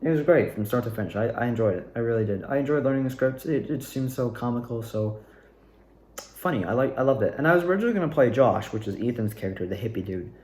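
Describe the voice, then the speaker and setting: A young adult man rambles candidly about his own experiences, like a student actor recapping his life. His medium-pitched voice is animated, fast and a little mellow. The recording is roomy, with an echoing room sound.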